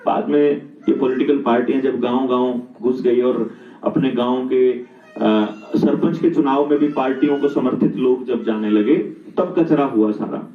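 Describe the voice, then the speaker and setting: A man's voice: mid-range voice, steady tone, moderate pace. A middle-aged man giving a reflective talk, telling stories and asking rhetorical questions. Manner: storytelling, asks rhetorical questions. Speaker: speaker on natural living. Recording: roomy, distant, dull sound.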